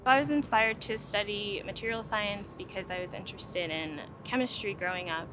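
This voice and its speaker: A young woman from Cameroon speaks in a thoughtful, measured way. She is recorded outdoors, and a clear rumble of traffic sits under her voice. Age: young adult. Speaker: materials science student. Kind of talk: interview testimonial. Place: outdoors among tall grasses.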